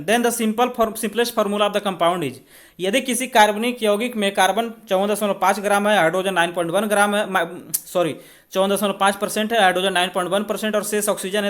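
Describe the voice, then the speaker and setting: An Indian exam coaching teacher with a somewhat high, bright voice gives a spoken maths and chemistry tutorial. He works step by step in a conversational way, often asking rhetorical questions.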